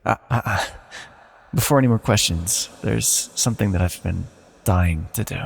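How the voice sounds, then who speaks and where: In this intimate ASMR fantasy roleplay, set in a large hall, a man plays an ancient godlike villain. Speaking low and hushed with a gravelly, creaking, breathy voice, he deliberately coaxes the listener with tender teasing while manipulating them.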